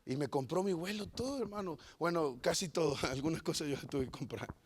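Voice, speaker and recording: Lively storytelling man preacher. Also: a little high, fairly quick, slightly rough. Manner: animated storytelling with humor, swings between loud and hushed. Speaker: pastor. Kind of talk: sermon.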